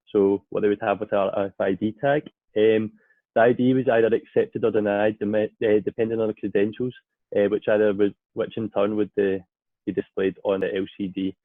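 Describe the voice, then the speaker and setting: A man's voice: on the low side, dry recording. A male student from Scotland methodically explaining a technical simulation in a project presentation. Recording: tinny phone-like dry audio.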